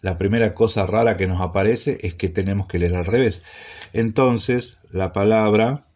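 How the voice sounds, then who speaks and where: A man teaching an introductory Hebrew class, speaking slowly and repeating points, often checking in with a questioning "¿sí?". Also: lowish voice, darkish tone. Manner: slow, repetitive, checks in with frequent "¿sí?". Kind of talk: classroom lecture.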